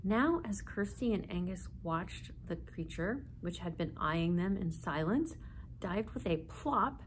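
A woman in her forties, a library story reader, narrates a children's book aloud while seated in a small indoor room a short way from the camera. Her fairly low voice has lively intonation and a measured pace, and the low-quality recording carries faint background noise.

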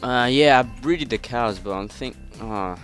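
A man's voice: mid-range voice, unhurried, soft background music. A British man hosting a gaming channel, chatting casually through gameplay with friends and yelping when startled.

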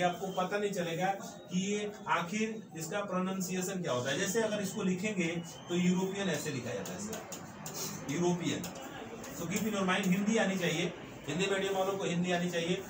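A man's voice: high-pitched, brisk. A man teaching an English grammar lesson, emphatic and repetitive, often adding "sir" as he drives his points home. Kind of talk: classroom-style grammar lesson. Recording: echoey room, mic far off, background noise.

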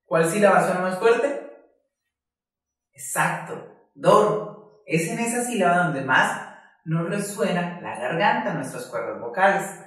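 A primary school teacher giving a virtual class to young children, patient and slow, stretching out each word syllable by syllable. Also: mid-range voice. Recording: very echoey room, voice far from mic.

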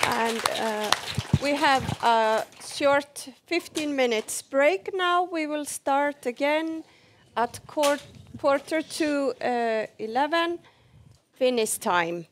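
A woman's voice: high voice, animated, takes it slowly, noisy background. A woman moderating a seminar, inviting questions and announcing breaks with brief, polite prompts. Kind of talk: hosting a seminar.

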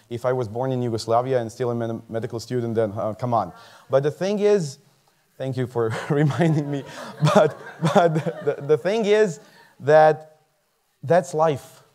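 A man's voice: mid-range voice, a little mellow. A man, a medical student giving a motivational talk on a large theater stage. He speaks earnestly, chuckles often and restarts words. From Croatia. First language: Croatian. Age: 30s.

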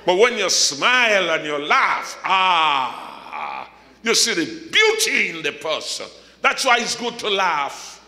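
A bright, high-voiced pastor from the Caribbean preaches with wide swings of pitch and an unhurried pace. He punches his lines with shouts and slips into joking asides. His voice rings through a large, echoey church hall. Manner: preaching with rising shouts, humorous asides and laughter. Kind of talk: sermon.

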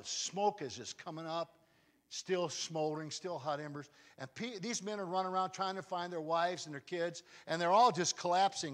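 A man preaching a sermon as a guest pastor, telling a story with dramatic swings from loud to hushed. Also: sits high.

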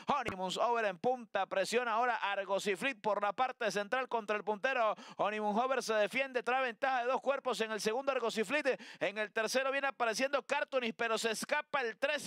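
A man's voice: very high voice, a bit bright, clean tone, no echo, clean studio sound. A man giving live horse race commentary in an urgent, projected race-calling manner.

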